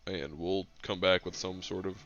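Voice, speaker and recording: A man voicing a relaxed, guarded adventurer in a tabletop game, talking matter-of-factly. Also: deep voice, normal speed, slight background noise. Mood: practical. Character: gruff, laid-back male adventurer, guarded. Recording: slightly dull lo-fi mic.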